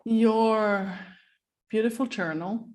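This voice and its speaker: A woman's voice: fairly high pitch, slow pace, a little mellow. Woman host summing up her guest. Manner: affirming, summarizing the guest's points. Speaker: interview host. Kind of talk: casual interview talk.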